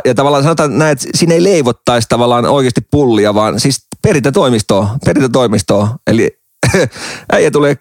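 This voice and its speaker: A man's voice: medium pitch, dry recording, clean studio sound. A man hosting a podcast in casual chat, rambling through joking stories and laughing often. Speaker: podcast co-host.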